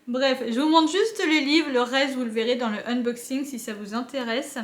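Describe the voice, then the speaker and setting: A young woman chats into a camera on a tripod at home, stumbling through fillers and restarts. Her voice sits a bit high. The room gives it a noticeable echo. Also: normal speed. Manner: chatty, many fillers and restarts. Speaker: book vlogger. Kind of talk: casual vlog chat.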